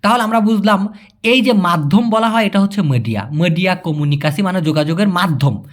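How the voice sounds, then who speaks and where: A young man from Bangladesh teaching Malay in a casual way, answering viewer questions, chatty and repeating key words slowly. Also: high voice. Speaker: language teacher.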